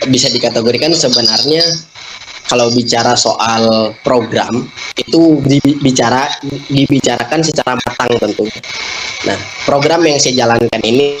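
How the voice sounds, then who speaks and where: A young man in his twenties explains his business plans at length, stopping often to search for the next word. Heavy noise runs underneath his voice the whole time, and his pitch sits in the middle. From Indonesia. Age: 20s. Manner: expansive, explains at length with many pauses and fillers. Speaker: fish business owner. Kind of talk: interview answers. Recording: loud background noise.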